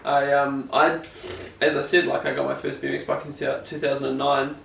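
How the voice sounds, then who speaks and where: A young BMX rider from New Zealand, broad accent and all, talks briskly in a gravelly, medium-pitched voice with a fairly bright tone and little pitch movement. His casual interview chat is rambling, slangy and self-deprecating, recorded in an echoey room on a distant mic with faint noise.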